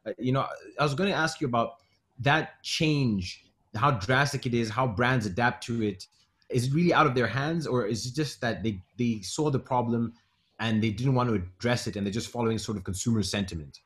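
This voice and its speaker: A man's voice: medium pitch, brisk, a bit bright. A man hosting an interview, talking casually with many fillers. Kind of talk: interview conversation.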